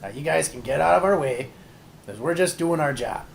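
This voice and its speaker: A man voicing a gruff, condescending male castle guard in a tabletop game. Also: on the high side, expressive, a little fast, a little hiss or hum, rough recording. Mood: dismissive. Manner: brusque, condescending.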